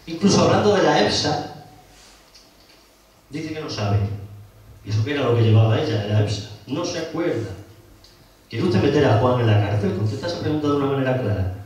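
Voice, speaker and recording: A man with an Extremaduran Spanish accent speaks at a council meeting, firing combative questions one after another. His voice sits at an ordinary middle pitch. It reaches the mic from across a very echoey chamber. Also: expressive, a little fast, pauses often, darkish tone. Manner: combative, hammering repeated questions. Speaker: opposition town councillor. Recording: very echoey hall, distant mic.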